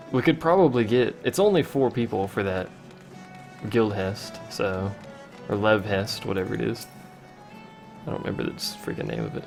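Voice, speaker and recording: This let's play streamer is a young man with a lowish, slightly mellow voice full of vocal fry. He talks casually over his gameplay, reading chat questions out loud and answering with dry, wry remarks.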